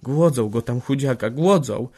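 A man's voice: fairly high pitch, takes it slowly, creaky, darkish tone, voice pushed up. A fearful yet strong-willed peasant woman, put on by a male reader in a storybook reading. The voice is raised well above his usual register and sounds pleading and anxious. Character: anxious, determined peasant woman, young adult.

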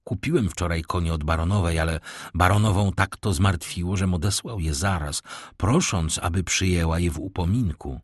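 A man doing a calm, commanding count. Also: deep voice, no echo, clean studio sound, voice pushed down. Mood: courteous. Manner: calm, measured, authoritative. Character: composed, commanding middle-aged nobleman count.

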